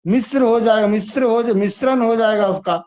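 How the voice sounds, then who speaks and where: A man's voice: high voice, normal speed, a little mellow. A man teaching an exam-prep lesson, chatty and repetitive as he coaxes students through memory tricks. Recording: dull lo-fi sound.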